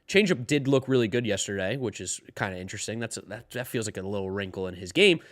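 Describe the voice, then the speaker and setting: A man's voice: on the low side, lively intonation, fast talker, a bit bright. Tired guy rambling through a live stream, reading chat questions off the screen. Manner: loose and rambling, reads chat questions aloud. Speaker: host of a daily baseball stream.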